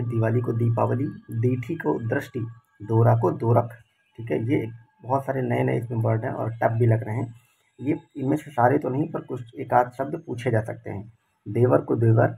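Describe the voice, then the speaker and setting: A man teaching for an exam, briskly reading out word pairs with frequent fillers. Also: mid-range voice, gravelly, a little mellow, slightly rough. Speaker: Hindi teacher. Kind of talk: exam-prep lesson, reading word lists.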